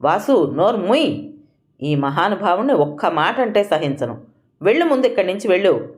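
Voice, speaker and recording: A woman's voice: mid-range voice, sing-song, moderate pace, darkish tone, voice pushed up, natural voice. A woman reading an audio story, voicing a firm elderly mother who speaks sternly to her son.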